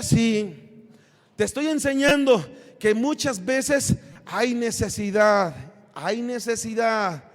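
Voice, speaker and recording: A Mexican man preaching from the pulpit in a very high, ringing voice. He swings from loud, impassioned shouts to quiet asides to the church. His voice carries a long echo through the hall. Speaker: pastor. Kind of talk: sermon. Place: church sanctuary.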